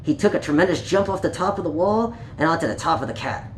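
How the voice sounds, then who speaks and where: This man's voice is on the high side, lively in intonation and quick, as he reads a children's story aloud with playful asides for his young listeners. The recording is a roomy home setup with faint noise.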